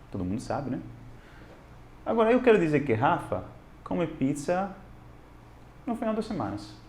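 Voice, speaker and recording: Recorded with a roomy sound and slight background noise, a man with a mid-range voice gives an informal English lesson on video. He speaks Portuguese as a non-native and animatedly mixes in English examples.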